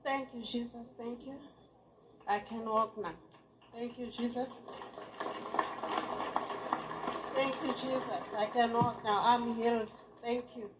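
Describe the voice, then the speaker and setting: A woman's voice: a little high, steady tone, measured pace. A woman giving an exclaimed testimony of thanks at a church healing service. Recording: echoey, very noisy room.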